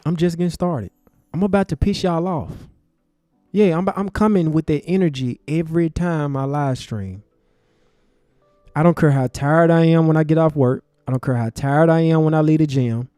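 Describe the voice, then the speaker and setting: Man, heated livestream commentary, fiery and profane, fairly high voice, dry close sound, faint music behind. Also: normal speed, clear, resonant tone, no echo. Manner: fiery, profane, swings from shouting to low intensity. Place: home desk. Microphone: desk mic.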